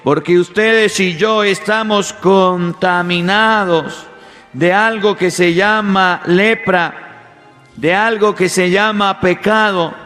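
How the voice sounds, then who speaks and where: High-voiced priest preaching slowly. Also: male voice, a bit bright, in a large hall. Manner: emphatic, repetitive, fatherly address to listeners. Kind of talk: daily Gospel sermon.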